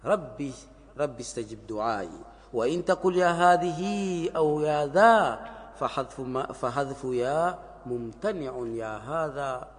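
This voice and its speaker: A man teaching a classical grammar lesson, in a voice of middle pitch. He goes back over words and examples and repeats them slowly. The room has a long, echoing reverb. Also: expressive. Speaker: sheikh teaching Arabic grammar.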